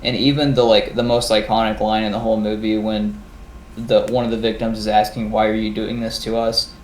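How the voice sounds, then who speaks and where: A man's voice: fairly low pitch, level tone, fairly quick, a little hiss or hum. A man co-hosting a podcast in casual chat, rambling and swearing as he acts out his reactions. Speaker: podcast co-host. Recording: roomy echo.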